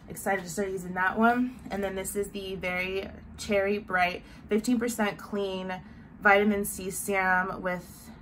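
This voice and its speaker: A woman's voice: medium pitch, fairly bright tone, a little hiss or hum, poor audio. A young woman in her twenties talking casually to camera for a beauty vlog, chatty and drowsy, recorded close on a phone at home. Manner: chatty, tired and drowsy, with sighs and drawn-out words. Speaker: beauty vlogger. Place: bedroom at home, indoors. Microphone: phone or camera held close.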